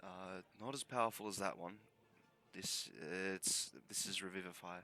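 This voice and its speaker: A man's voice: deep voice, normal speed, bright, forceful tone. A man playing a tabletop game, blunt, sighing and swearing as he talks. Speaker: player. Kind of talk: casual tabletop play.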